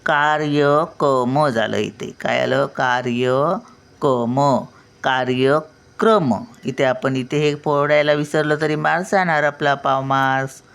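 Older woman, patient teacher, gravelly and unhurried, stretches out syllables to demonstrate sounds. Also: low-pitched, fairly even intonation. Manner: slowly drawing out syllables to show pronunciation. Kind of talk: spelling and pronunciation lesson.

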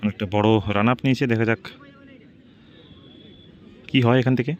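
A man's voice: medium pitch, fairly even intonation, normal speed, muffled recording, a little hiss or hum. A man giving live football match commentary, repeating team names and phrases as he follows each shot. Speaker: football commentator and channel host.

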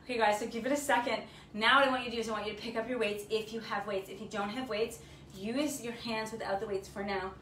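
A woman's voice: fairly high pitch, fairly even intonation, quick pace, fairly bright tone. A woman working as an aerobics instructor, counting reps in rhythm and cueing moves with short, encouraging commands. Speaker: fitness instructor leading a workout. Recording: roomy, distant mic with faint noise.

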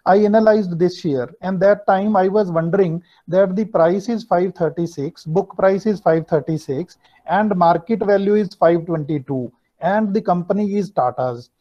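A middle-aged finance teacher with a high, mellow voice and a North Indian accent, a native Hindi speaker, teaches an online class in a blend of two languages. He explains concepts and checks in with students through a computer mic on a video call. The audio is dull and lo-fi, typical of video calls.

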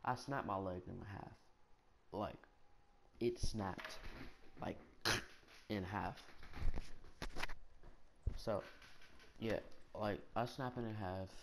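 A young man telling a childhood story in a rambling, animated, self-mocking way, with lots of restarts. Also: on the low side, drawn-out words, creaky, pauses often, background noise. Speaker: gaming video storyteller.

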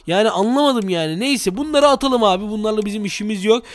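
A man's voice: high voice, expressive, fast, no room sound. A young man hosting a game video, narrating with dramatic, easily frightened reactions. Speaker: gaming video host. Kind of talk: excited game commentary.

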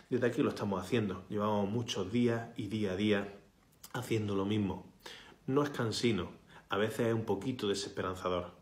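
A man, a healthcare worker making an impassioned protest appeal straight to his phone camera, fiery and emphatic, sometimes dropping to a whisper for stress. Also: on the low side. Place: small indoor room, bright window behind. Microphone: phone camera at arm's length. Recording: echoey room.

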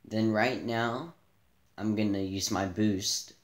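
A man giving a casual gameplay tutorial, relaxed and thinking aloud as he plays in a dim room, filmed by a camera pointed at the TV. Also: on the low side, slow pace, reverberant. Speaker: gaming channel host.

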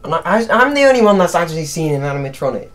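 Brief: mischievous male gamer, animated pitch leaping around, gleeful and cheeky. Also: rapid-fire. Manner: mischievous, gleeful, cheers when ahead. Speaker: guest player. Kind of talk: casual gaming banter. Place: indoors, in one room with friends.

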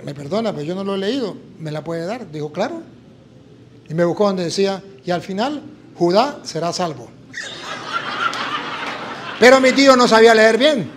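Latin american priest preaching, high voice, acts out all the voices in his story, faint room noise. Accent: Latin American Spanish. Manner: animated, acts out dialogue in story. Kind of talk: sermon with storytelling.

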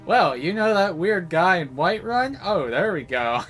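A gaming video host talks casually over video game music, tossing out offhand live commentary and half talking to himself as he plays. His voice sits high with a fairly bright tone, and he sounds very animated though a little slow.

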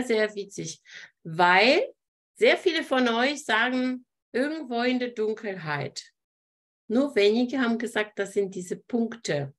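Slow-speaking woman teaching art. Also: mid-range voice. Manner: explains slowly while pointing at pictures, addresses viewers directly. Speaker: art teacher hosting a webinar. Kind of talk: live online lesson on painting composition.

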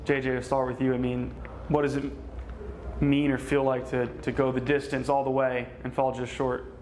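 A man interviewing players after a game, asking questions in a steady, even way. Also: mid-range voice, normal speed, slight background noise, low-quality recording.

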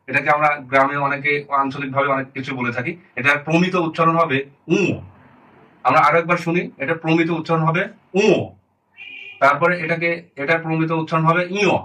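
A man gives a brisk lesson, his words quick and his voice somewhat high and bright. He repeats each term twice, earnest and clear. He sounds a little distant from the microphone. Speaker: teacher. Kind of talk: spoken language lesson.

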